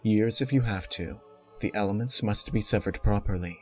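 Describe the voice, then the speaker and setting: A man voicing a regal pony princess, a cold, scheming mentor who speaks in a measured, imperious way. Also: on the low side, darkish tone, soft background music, lightly acted. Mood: cool approval.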